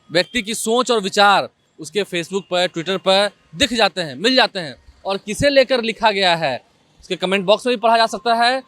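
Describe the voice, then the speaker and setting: A man's voice: high voice, pushed and bright, no room sound. A man giving an emphatic on-location news report outdoors, asking rhetorical questions. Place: outdoors in front of an office building.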